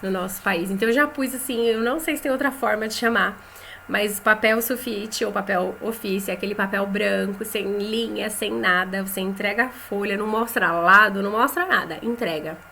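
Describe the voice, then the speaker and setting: A woman with a Brazilian Portuguese accent teaching a lesson for teachers, talking in a chatty way, often adding "né?", and saying example words slowly and clearly. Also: mid-range voice, bright, forceful tone, a little hiss or hum. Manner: conversational, tags phrases with "né?".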